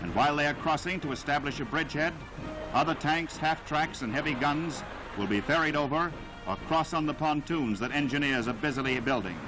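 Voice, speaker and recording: On a vintage soundtrack with music in the background and poor audio, a man on the high side narrates a 1940s newsreel. He declaims dramatically, phrasing each line with measured emphasis.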